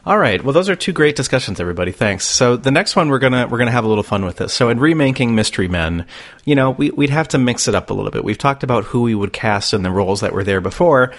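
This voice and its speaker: A man's voice: mid-range voice, animated, fast. A man hosting a casual panel podcast, upbeat and steering the talk, laughing easily. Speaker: podcast host.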